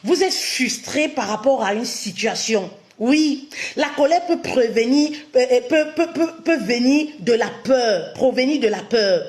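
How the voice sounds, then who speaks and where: Fairly high-voiced woman life coach. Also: lively intonation, a little slow. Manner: punctuates sentences with emphatic "oui", many rhetorical questions; addresses listeners warmly as "my queens", repeats key phrases. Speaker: relationship coach. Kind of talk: live-streamed coaching talk.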